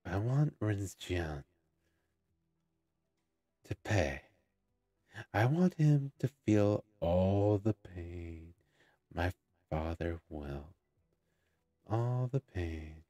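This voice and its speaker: A man reading the lines of a grim, vengeful young man aloud, flat and slow. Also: low voice, no echo, clean studio sound, heavily acted.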